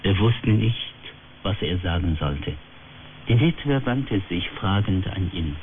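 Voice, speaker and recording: A man narrates a story at a slow, measured pace in a fairly low voice. It comes through a crackly medium-wave radio with a tinny, phone-like band and steady hiss. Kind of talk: scripted narration.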